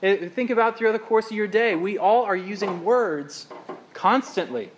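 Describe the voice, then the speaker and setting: Middle-aged male pastor with a high voice, earnest conversational sermon, faint background hiss. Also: normal speed. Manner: earnest, reflective, conversational preaching with scripture readings.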